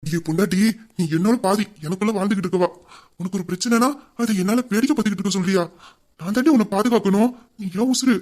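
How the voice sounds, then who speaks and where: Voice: mid-range voice, fast, darkish tone, natural voice. A performer voicing a young groom who teases and reassures his bride in a tender, protective way. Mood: tender, reassuring. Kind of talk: audio drama acting.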